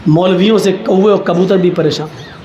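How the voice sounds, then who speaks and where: A man preaching a sermon, telling humorous stories and acting out the characters, shouting at the high points. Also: fairly even intonation, brisk, reverberant, dull audio, a little hiss or hum. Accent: Hindustani Urdu-Hindi. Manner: acts out characters with voices, shouts at climaxes. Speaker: maulana preacher.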